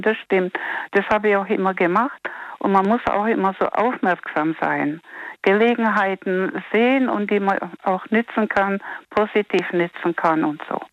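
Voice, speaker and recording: A woman's voice: mid-range voice, normal speed, no room sound. An older woman calling in to a radio show, chatting in a rambling, heartfelt way with many restarts. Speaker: radio caller. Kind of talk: phone-in chat. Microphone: telephone. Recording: lo-fi phone line.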